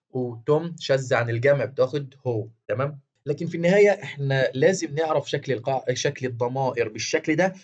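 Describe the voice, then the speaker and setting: A man with an Egyptian Arabic accent giving an online grammar lesson, patient and repetitive, often pausing to check that the listener follows. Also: mid-range voice, a little mellow, highs cut off. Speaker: language teacher.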